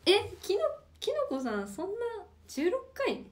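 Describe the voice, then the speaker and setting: A woman's voice: extremely high pitch, huge pitch swings, unhurried. A young woman of about nineteen chatting casually on a livestream, reading out viewer comments and playfully teasing them back. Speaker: idol livestreamer.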